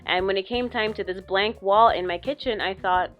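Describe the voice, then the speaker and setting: A woman's voice: medium pitch, normal speed, dull audio, soft background music. A young adult woman talking in a chatty vlogger style, explaining home DIY projects directly to her viewers. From lives in Canada. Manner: chatty, instructional, addressing viewers.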